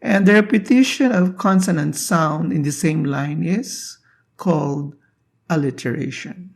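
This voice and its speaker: A poetry teacher hosting a lesson, explaining a poem in a deliberate, measured way with long pauses between phrases. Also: mid-range voice, creaky. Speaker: poetry teacher and channel host.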